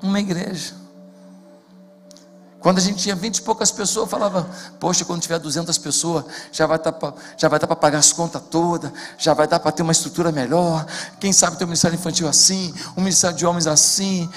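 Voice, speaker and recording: A man preaching a sermon as pastor, impassioned and building to shouts. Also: fairly high pitch, fairly even intonation, fairly quick. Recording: long hall reverb with faint music.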